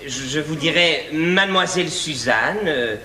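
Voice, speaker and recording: A shy, flustered young male suitor with a bright, sharp voice. He hesitates and stumbles in theatrical comedy style. The recording is roomy and distant. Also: fairly high pitch, unhurried. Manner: hesitant, stammering. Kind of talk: stage comedy acting. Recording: echoey stage, distant mic.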